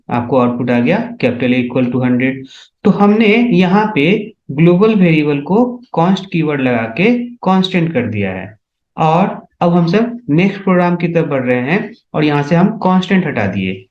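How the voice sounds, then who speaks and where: A man's voice: fairly high pitch, darkish tone. A man teaching C programming in a step-by-step tutorial, often asking whether his students are following along. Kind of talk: screen-recorded coding tutorial. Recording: echoey, dull lo-fi room sound.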